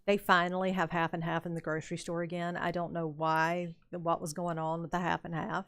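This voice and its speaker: A woman's voice: lowish voice, level tone, brisk, fairly bright tone. An older woman streamer chatting casually and telling a rambling story while she plays a game, laughing often. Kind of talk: casual chat while playing.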